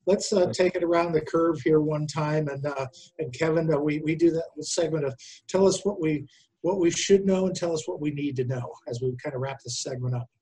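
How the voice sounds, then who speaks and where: A man's voice: on the high side, brisk, warm tone, slightly rough, poor audio. A man hosting a casual panel chat, teasing his co-hosts in a loose, easygoing way. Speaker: host.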